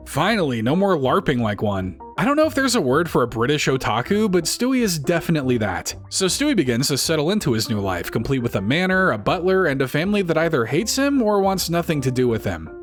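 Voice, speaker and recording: A man's voice: fairly high pitch, very animated, fast, hardly any pauses, faint music behind. Wry, sarcastic male narrator. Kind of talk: scripted comedic narration.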